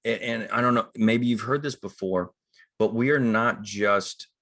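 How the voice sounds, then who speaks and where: A man's voice: on the low side, measured pace, a bit bright. A middle-aged man, an acting coach, talking casually about screen acting and acting out the thoughts he quotes. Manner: conversational, acts out quoted inner thoughts. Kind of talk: casual teaching talk on acting.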